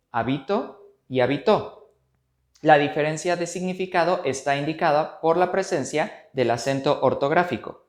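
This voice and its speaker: A man's voice: medium pitch, roomy sound. A man, a teacher giving a scripted grammar lesson and drawing example words out carefully.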